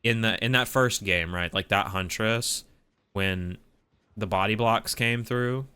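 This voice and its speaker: Male gaming commentator, smooth and crisp low register, opinionated complainer, rambling casually with plenty of cursing. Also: a little slow, pushed and bright. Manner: grumbling, opinionated complaining with frequent swearing. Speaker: gaming video creator. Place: voice-over on gameplay footage.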